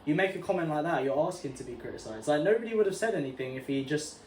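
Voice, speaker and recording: A man's voice: a little high, animated, fast. A young man co-hosting a podcast in casual chat, thoughtful and hedging his points with "like" and "you know". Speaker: podcast co-host. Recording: roomy with faint noise.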